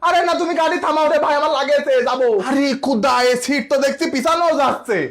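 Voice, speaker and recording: A man performing a loud, brash bus passenger in a comedy skit, complaining nonstop and chatting on his phone. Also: very high-pitched, fast talker. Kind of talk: comedic sketch acting.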